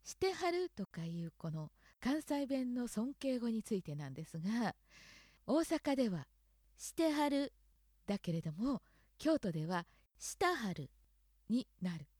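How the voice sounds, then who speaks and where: A woman giving a polite, gently thoughtful spoken explanation as a voice performer taking requests. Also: a little high, very animated, moderate pace, no echo, clean studio sound.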